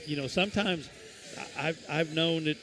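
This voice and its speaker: A man giving casual color commentary on a high school basketball game, rambling and folksy with many fillers and restarts. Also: normal speed, background noise.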